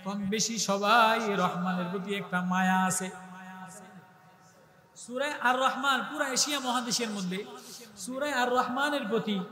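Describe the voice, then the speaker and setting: A man's voice: high-pitched, measured pace, bright, forceful tone. A man preaching a Bengali-style sermon with a Bangladeshi regional accent, repeating his lines in an impassioned, rising sing-song chant. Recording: echoey hall-like PA reverb.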